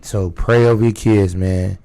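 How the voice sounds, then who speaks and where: A man from Chicago with a raspy voice that sits on the low side. He talks loose and street-casual, piling up fillers and restarts as a guest on a radio show. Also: steady tone, a little slow, mellow. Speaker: guest rapper. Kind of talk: radio interview.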